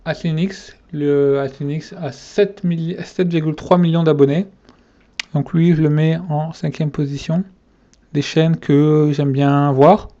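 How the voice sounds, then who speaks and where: A man's voice: fairly high pitch, level tone, a little slow, mellow, dull audio. A man ranking his favourite fitness channels in a casual vlog, hesitant and full of fillers and restarts.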